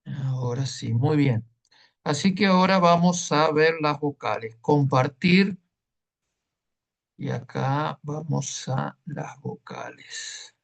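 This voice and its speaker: A man's voice: on the high side, takes it slowly, gravelly. A man teaching a Hebrew class online, explaining patiently and checking in with listeners as he goes.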